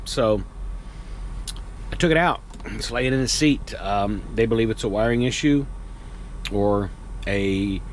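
A man's voice: on the low side, measured pace, long pauses, a little hiss or hum. A middle-aged man in his fifties, a truck driver vlogging in a casual, rambling way with lots of fillers, filming himself inside his truck cab at night. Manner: rambling, conversational, many fillers. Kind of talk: casual vlog monologue. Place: truck cab at night, earlier outdoors at a loading yard.

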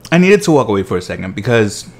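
Heavy background noise surrounds a fast, very animated man with a fairly low voice. He's a food vlogger in his thirties doing a chatty dessert tasting at home in his living room, thrilled by every bite he takes.

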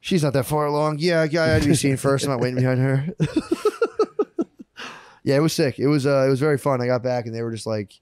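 Male podcast co-host, thirties, casual comic storyteller, mid-pitched, dry sound. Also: steady tone, quick pace, long pauses, darkish tone, clean tone, no echo. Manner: loose, profane storytelling. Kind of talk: casual comedic banter.

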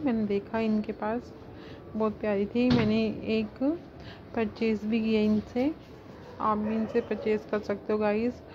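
A woman's voice: fairly high pitch, dull audio, background noise. Chatty woman vlogging through a market. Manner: chatty, repeats "guys" and "very pretty" a lot. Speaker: cosmetics channel vlogger. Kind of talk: casual shopping vlog walkthrough. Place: busy indoor wholesale market stalls.

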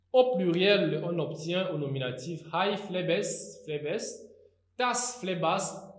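A man teaching a grammar lesson, slowly and deliberately spelling out word forms with occasional hesitations. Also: on the high side, echoey room. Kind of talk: recorded Greek grammar lesson.

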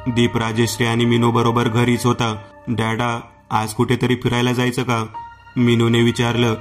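A man with a Marathi accent narrating a horror story in a scripted storytelling style, voicing all the characters himself. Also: medium pitch.

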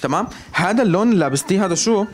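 A man's voice: high-pitched, lively intonation, very fast, soft background music. A young man hosting a street interview show, teasing and joking affectionately with children at a care center.

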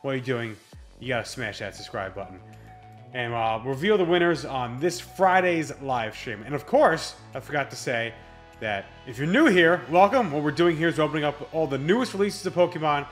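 A man's voice: fairly high pitch, normal speed, soft background music. A man hosting a card-opening vlog, reading out prices and laughing at the chaos of his kids around him. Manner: exasperated, lively, laughing at chaos. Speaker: channel host opening trading cards.

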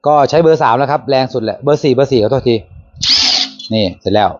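A man's voice: mid-range voice, fast talker. Chatty man with dull lo-fi sound. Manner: relaxed, chatty, with fillers and self-corrections. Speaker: handyman channel host. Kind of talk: casual demo talk. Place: workshop or garden.

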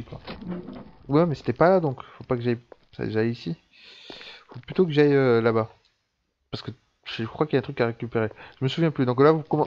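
A man talking through a game in a loose, chatty way, swearing often and thinking aloud at a middling pitch. The sound is dull and lo-fi, with a faint hum of ambience behind him. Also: a little mellow. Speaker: gameplay commentator. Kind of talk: casual let's-play commentary.

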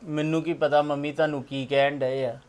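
A man's voice: a little high, flat delivery, fairly quick, darkish tone, smooth, lightly acted. A young actor playing a lovestruck son in a family web drama, coaxing and pleading stubbornly with his mother. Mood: evasive.

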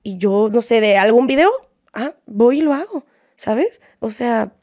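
Chatty young Mexican woman, high voice. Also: expressive, measured pace, a little mellow, no room sound, studio quality. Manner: chatty storytelling, acts out quoted dialogue. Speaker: interview guest. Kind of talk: casual interview.

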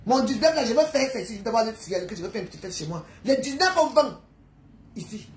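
A widow with a high voice rants about her neighbors in an emotional monologue, speaking fast and expressively in an echoey room at home in her apartment building. She is emphatic and repetitive, peppering her speech with tag questions, and there's slight background noise.

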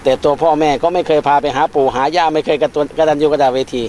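Fast-talking man teaching with proverbs. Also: on the high side, fairly even intonation, mellow, slight background noise. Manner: explains with proverbs and examples. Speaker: guest teacher monk. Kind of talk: casual discussion on a religious TV program.

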